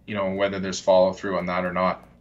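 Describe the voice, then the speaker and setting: A man on a live investing show, calmly explaining trading ideas step by step with frequent fillers. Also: low voice, fast, lo-fi sound. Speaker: market commentator. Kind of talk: casual explanatory chat.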